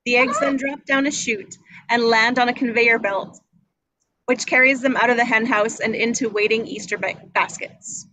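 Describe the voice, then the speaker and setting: Steady in tone yet pushed and bright, this fairly high female voice moves at a normal speed. She reads stage directions from a screenplay at a table read, and the poor-quality recording has noticeable background noise.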